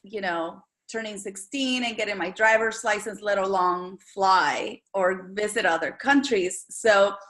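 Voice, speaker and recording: Woman from El Salvador, guest author; casual, thoughtful interview answers with searching pauses. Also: mid-range voice, a bit bright. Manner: thoughtful, with frequent fillers and restarts.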